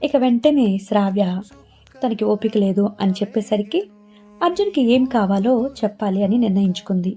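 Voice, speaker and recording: A woman narrating a romance story in a steady, dramatic reading style. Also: mid-range voice, normal speed, husky, faint music behind.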